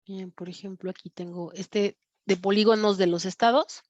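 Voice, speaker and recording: A woman with a Mexican Spanish accent teaching an online class, pausing often with fillers and correcting herself as she explains her screen. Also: mid-range voice, steady tone, darkish tone, dry recording, highs cut off. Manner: many fillers and self-corrections. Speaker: course instructor. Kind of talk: screen-sharing lecture on crime data.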